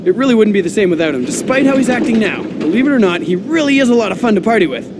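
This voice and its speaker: An actor playing an excitable, friendly young man in a video game, with an effusive manner. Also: high voice, noisy background. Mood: upbeat, excited. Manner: fast, effusive. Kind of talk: video game character acting.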